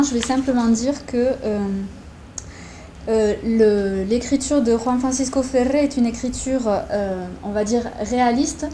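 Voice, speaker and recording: A woman's voice: on the high side, mellow, a little hiss or hum. A woman presenting a guest writer to students at a university conference, hesitant and full of fillers. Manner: hesitant, many fillers and restarts. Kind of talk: conference introduction of a guest speaker. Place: lecture room with students.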